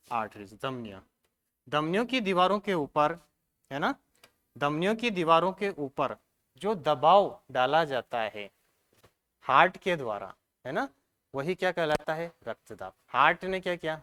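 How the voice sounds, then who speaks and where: A man teaching science for exam preparation questions and answers himself, stopping frequently to confirm understanding. His pitch is fairly high and his voice a bit bright.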